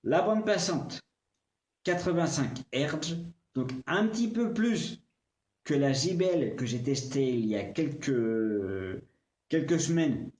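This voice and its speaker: Here the man sounds a little high and expressive, going slowly with a darkish tone in a reverberant space. As a tech reviewer on a livestream, he chats playfully about a small speaker, addressing the viewer as tu and swearing occasionally.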